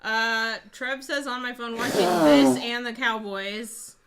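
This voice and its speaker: A woman's voice: a little high, steady tone, slow pace, a loud crowd. A woman chatting casually as co-host of a livestream, reading out viewer comments, with some noise in the recording.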